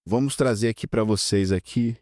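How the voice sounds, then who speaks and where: A man's voice: fairly low pitch, moderate pace, warm tone, no echo, studio quality. A man with a Brazilian Portuguese accent giving sarcastic political commentary and talking straight to his viewers.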